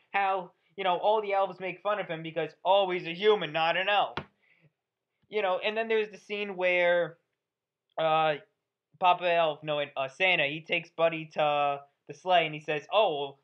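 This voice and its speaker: Woman reviewer, foul-mouthed and sarcastic, rambling rant, medium pitch, dull muffled mic. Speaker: movie reviewer. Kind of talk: ranting movie review. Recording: dull lo-fi audio.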